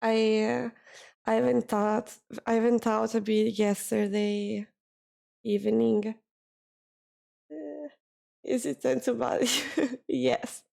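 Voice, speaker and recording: Woman streamer, high and gravelly, slow, tired and teary, casual chat. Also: fairly even intonation, warm tone. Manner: emotional, thanking viewers, near tears.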